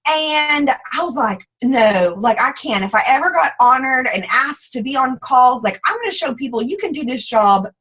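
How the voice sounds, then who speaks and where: A Southern woman talks quickly and eagerly to her team over a video call. Her voice is slightly high and husky. She packs in fillers and rushes along without pausing. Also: animated, fairly bright tone, low-quality recording. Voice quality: fast, bubbly, says "like" a lot. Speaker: guest speaker. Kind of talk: casual team call talk.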